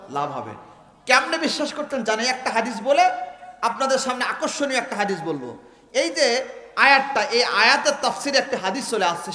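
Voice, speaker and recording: A man's voice: sits high, sharp tone. A man preaching a sermon as a maulana, telling a story and firing questions at his listeners to draw answers. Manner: fires rhetorical questions at the crowd, demands answers. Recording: echoey hall reverb.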